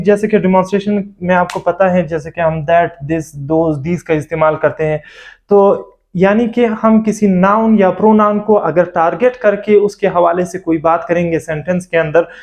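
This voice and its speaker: Man, high voice, grammar lecture, methodical, lists examples, frequent filler pauses. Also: darkish tone. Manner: many filler pauses while explaining. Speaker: teacher.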